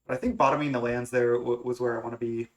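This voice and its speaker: Talking fast in a steady, medium-pitched voice, a young male gaming content creator casually weighs his card game choices aloud. Congestion makes him sound stuffy, and his speech is hesitant, packed with fillers and restarts.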